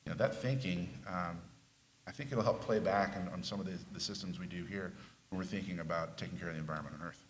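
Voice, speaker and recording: A middle-aged man speaking on a conference panel into a table mic, explaining things in a measured way. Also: deep voice, fairly even intonation, slight background noise, low-quality recording. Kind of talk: panel discussion. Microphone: table mic on stand.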